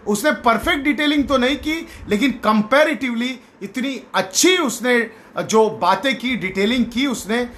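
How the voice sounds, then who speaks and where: A middle-aged man, a sales trainer, telling a motivational story on a live stream and mixing Hindi with slow, stressed English phrases. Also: sits high, a bit bright.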